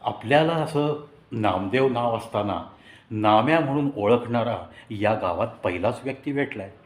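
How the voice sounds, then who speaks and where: A man narrating a personal story in a conversational, reflective way with dramatic pauses. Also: mid-range voice, expressive. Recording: echoey room.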